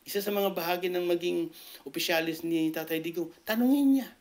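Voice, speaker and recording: A man giving casual political commentary as a vlogger, animated and repetitive, his voice jumping up in pitch when he makes a point. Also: brisk. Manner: animated, repetitive, keeps asking "di ba?"; rises sharply in pitch when making a point.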